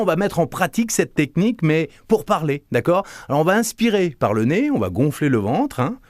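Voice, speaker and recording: Give me a man leading a voice lesson, his pitch rising and falling in a lively, animated way. He coaches the listener warmly and patiently, showing each breath and hush himself. The recording is dry and close, with no room sound. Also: dry recording. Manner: demonstrates breaths and hushing sounds, guides the listener step by step; lively, encouraging delivery. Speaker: voice and speaking coach.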